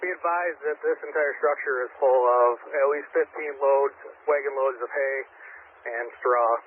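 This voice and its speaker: A man's voice: medium pitch, fairly even intonation, moderate pace. Man on a tinny, noisy fire radio. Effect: two-way radio. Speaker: firefighters and engine crews on radio. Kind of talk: terse two-way radio traffic.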